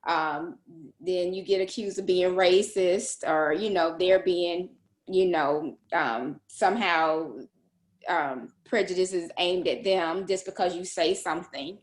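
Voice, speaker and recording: A woman's voice: on the low side, takes it slowly, echoey room. A woman in a book club discussion, talking casually on a video call and thinking aloud with many fillers.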